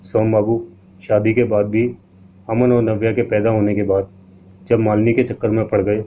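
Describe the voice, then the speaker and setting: Male horror-story narrator; steady, low, phone-thin recording with faint hiss. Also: moderate pace. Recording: tinny lo-fi line with faint hiss.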